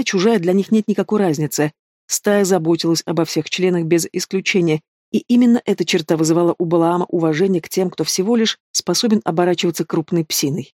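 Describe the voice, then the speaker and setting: Audiobook narrator, measured and steady, dry close sound. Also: mid-range voice, no room sound. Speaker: audiobook reader. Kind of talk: scripted fantasy narration.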